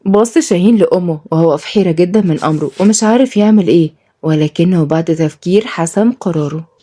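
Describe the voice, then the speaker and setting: Fast-talking Egyptian woman storyteller. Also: on the low side, mellow. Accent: Egyptian Arabic. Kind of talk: story narration.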